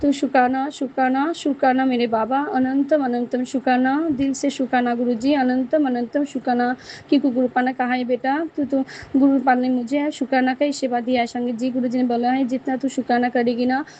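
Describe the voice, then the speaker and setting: A woman sharing a halting, emotional devotional testimony with a congregation, often breaking off and restarting, and giving thanks again and again. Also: sits high, little pitch movement, darkish tone. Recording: dull lo-fi recording, faint noise.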